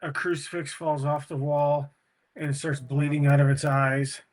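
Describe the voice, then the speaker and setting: A man's voice: a little high, level tone, moderate pace. A man co-hosting a podcast in casual chat, rambling and swearing, prone to tangents. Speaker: podcast co-host.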